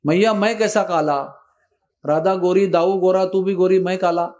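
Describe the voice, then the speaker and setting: A man's voice: high-pitched, steady tone, moderate pace, a little mellow, lightly acted. A man voicing young Krishna as a small boy, tearful and pleading with his mother, in a storytelling sermon. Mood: plaintive.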